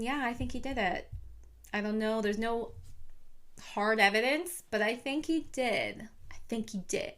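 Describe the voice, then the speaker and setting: A woman's voice: a little high, fairly bright tone. A young woman casually retelling a true crime story to her viewers on camera, chatty and full of fillers. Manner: chatty, lots of "like", talks to viewers.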